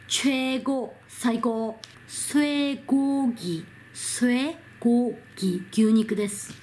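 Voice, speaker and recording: A Korean woman teaching Hangul to learners in Japanese, repeating each sound slowly and drawing it out. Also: on the high side, a little hiss or hum. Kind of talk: slow, careful pronunciation lesson.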